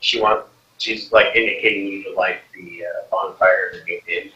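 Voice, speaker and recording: A man with a bright, forceful voice runs a tabletop game, narrating casually and breaking into quick character voices. The sound is dull and lo-fi, with a roomy echo as if he sits away from the mic. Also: steady tone. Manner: casual, laughs often, voices characters with quick pitch jumps. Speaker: game master. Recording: lo-fi echoey mic from a distance.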